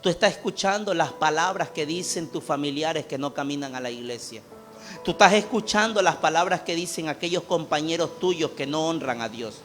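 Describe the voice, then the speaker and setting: A man preaching a sermon as pastor in a church, impassioned, swinging from loud calls to hushed appeals. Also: on the high side, moderate pace, soft background music.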